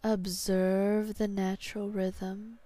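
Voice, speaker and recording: A woman guiding a hypnosis meditation in a calm, soothing, meditative tone, soft and breathy, sinking toward a whisper at phrase ends. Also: medium pitch, takes it slowly, dry recording. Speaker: hypnotherapy guide.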